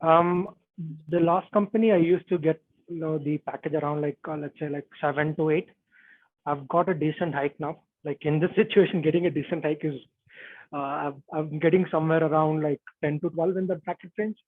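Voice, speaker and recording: A man speaks over a bad video-call connection that leaves his voice thin and narrow. His voice sits a little high, with a dry, close sound. He talks hesitantly as a guest, filling pauses with "like" and "uh". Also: steady tone, no room sound. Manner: hesitant, many "like" and "uh" fillers. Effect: bad connection, narrow phone-like call audio. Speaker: interview guest, software tester.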